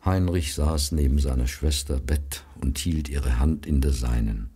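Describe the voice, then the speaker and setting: A man reads a story aloud in a measured, solemn way. His voice is very low and slightly husky. He takes his time over every sentence. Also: dark tone. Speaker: narrator.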